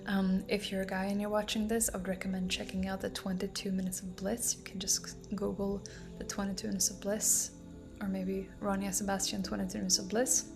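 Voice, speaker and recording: This breathwork guide talks informally in a promo vlog, her mid-range voice drifting along unhurriedly. She pauses thoughtfully now and then, and her phrases trail off into breathiness.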